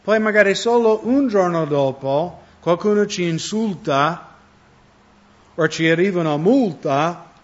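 Male preacher, conversational sermon, slightly high voice, dull lo-fi sound. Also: expressive, a little slow. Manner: conversational, asks the audience questions. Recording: dull lo-fi recording.

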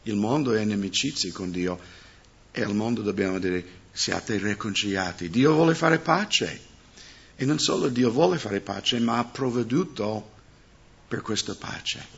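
A man's voice: lowish voice, animated, normal speed, creaky, a bit bright, husky. A man preaching as a pastor, speaking to his congregation and often asking them questions. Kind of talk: sermon. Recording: dull muffled sound.

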